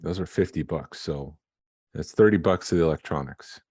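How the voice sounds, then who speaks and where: A man's voice: extremely low pitch, normal speed, a little mellow, breathy edge, no room sound, clean studio sound. A man co-hosting a collecting podcast in casual chat, explaining things in a matter-of-fact way. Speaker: podcast co-host.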